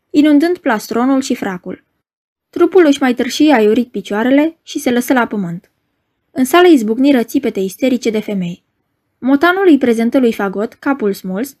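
A woman reading a novel aloud as an audiobook narrator, in an expressive, measured way. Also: on the high side.

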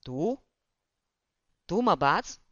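A man's voice: a little high, sing-song, a bit bright, no echo. Narrator doing a dazed, stammering drunk man. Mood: bewildered. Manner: stammering, panicky. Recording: dull, dry.

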